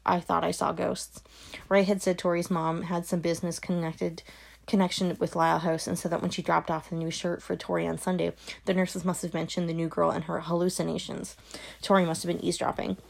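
Low, gravelly woman narrating. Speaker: audiobook narrator. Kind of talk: first-person scripted narration.

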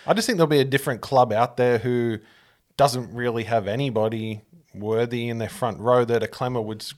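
A man's voice: medium pitch, brisk. A man with an Australian accent co-hosting a casual rugby league show, speaking informally and colloquially. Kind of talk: casual sports chat.

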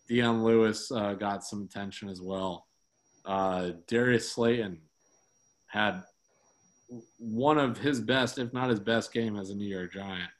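A man co-hosting a sports podcast, talking casually about football with many fillers and restarts. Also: on the low side.

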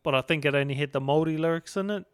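Male podcast host, broad New Zealand accent, smooth voice, colloquial and laid-back, very dry sound. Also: a little high, racing, no echo. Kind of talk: casual podcast chat.

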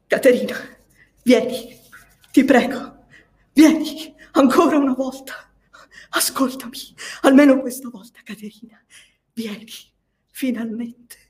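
A woman's voice: sits high, a little slow, long pauses, a little mellow. A woman voicing a grieving man who sobs and pleads, read aloud as an audiobook. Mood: pleading. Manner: pleading, sobbing. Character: grieving man sobbing a plea to a ghost. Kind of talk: audiobook reading.

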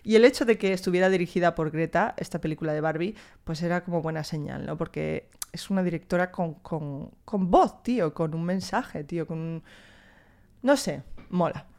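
A woman's voice: on the low side, moderate pace, vocal fry, a little mellow. A young woman with a Spain Spanish accent, hosting a casual podcast monologue in a chatty, slangy, mildly profane way. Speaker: podcast host.

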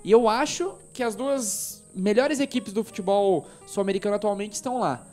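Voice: mid-range voice, normal speed, darkish tone, faint music behind. A host leading a casual football debate and putting questions to the panelists.

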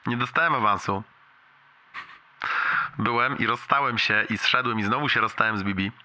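A man's voice: fairly low pitch, moderate pace, bright, forceful tone. A young adult man leaving a casual, confiding, slangy voicemail for a friend. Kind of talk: casual rambling personal voicemail.

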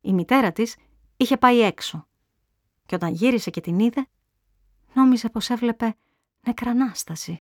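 A woman narrating a classic novel in a measured, even storytelling voice. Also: fairly high pitch, dry recording, studio quality. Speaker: audiobook reader. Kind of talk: literary audiobook narration.

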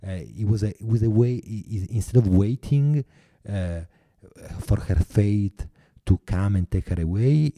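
An Italian-accented man with a very low, deeply mellow voice answers interview questions earnestly and haltingly, stopping often to restart. The sound is close and dry. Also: dry recording. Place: New York.

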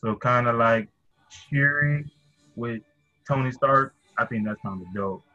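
A man's voice: medium pitch, a little slow, pushed and bright, dry recording, dull audio, faint music behind. A man hosting a podcast, chatting casually in laid-back slang. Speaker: podcast host. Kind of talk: casual chat.

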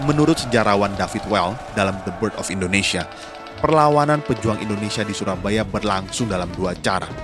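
A man narrates a history documentary from a script. His voice is fairly low, his delivery formal and dramatic. Music runs clearly underneath. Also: brisk.

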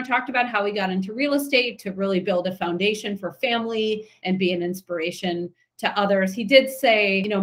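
A woman co-hosting a podcast, chatting casually and opinionatedly as she recaps a TV episode. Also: mid-range voice. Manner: chatty, opinionated, animated retelling. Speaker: podcast co-host.

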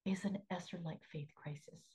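A woman hosting a faith podcast as a spiritual coach, talking earnestly, repeating phrases for emphasis and often sinking into a soft half-whisper. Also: lowish voice, fairly even intonation, normal speed, breathy edge, low-quality recording.

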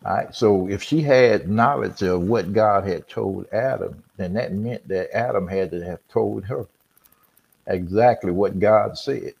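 A man's voice: on the low side, unhurried, gravelly, darkish tone, slightly rough, lo-fi sound. A man hosting a casual Bible discussion, teaching in a conversational way. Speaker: podcast host.

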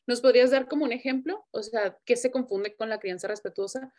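A woman's voice: a little high, brisk, darkish tone. A woman interviewing a guest about parenting, agreeing with her and adding her own views in a conversational way.

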